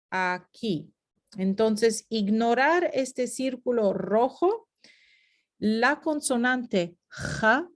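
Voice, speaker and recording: Slow, explaining woman teaching phonetics. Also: a little high, darkish tone. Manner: explains step by step, slips into English asides. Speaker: Spanish teacher. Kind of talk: lecture over slides.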